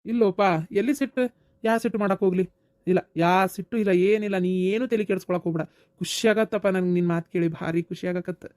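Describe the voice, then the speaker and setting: A man with a North Karnataka Kannada accent voicing an elder brother who asks puzzled questions and reassures gently. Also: high voice, steady tone, fast, no echo, studio quality, lightly acted. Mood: reassuring. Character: kindly elder brother, surprised village man.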